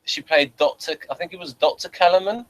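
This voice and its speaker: A podcast host and reviewer chats casually in a high-pitched, brisk voice, full of opinions and often doubling back on his own phrases. The recording quality is low.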